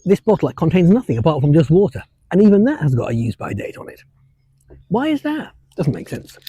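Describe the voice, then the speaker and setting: Podcast co-host, man, teasing banter, animated delivery. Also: fairly high pitch, a little fast, breathy edge, no room sound. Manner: playful, teasing, chuckles often. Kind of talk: casual chat.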